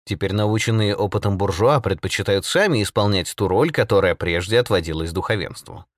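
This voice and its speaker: A cold, composed male leader speaks in measured, low tones, read by a man narrating the story. His calm carries quiet certainty. The sound is dry and close. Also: dry recording, lightly acted.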